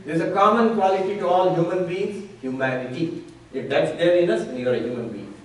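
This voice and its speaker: A man's voice: sits high, a little fast. A man, a monk, teaching scripture at a retreat, explaining patiently and acting out an opponent's objections. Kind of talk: lecture on scripture. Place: retreat hall. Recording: echoey hall, far from the mic.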